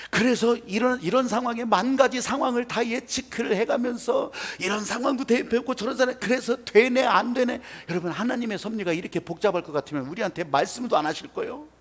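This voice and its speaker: A male pastor preaching a sermon in a church, telling a story with animated, emphatic asides. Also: extremely high pitch. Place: church sanctuary. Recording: reverberant church hall.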